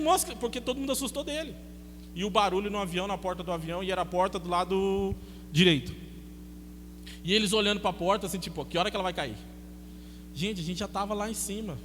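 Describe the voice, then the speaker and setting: Brazilian male pastor, high voice, animated storytelling sermon, reverberant church hall with faint hum. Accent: Brazilian Portuguese. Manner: chatty, animated storyteller who acts out dialogue.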